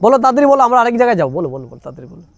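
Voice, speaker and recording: A man's voice: extremely high pitch, big pitch swings, very fast, gravelly. A man teaching a spiritual class, coaxing listeners again and again to speak up and answer. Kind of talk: leading a spiritual class with questions.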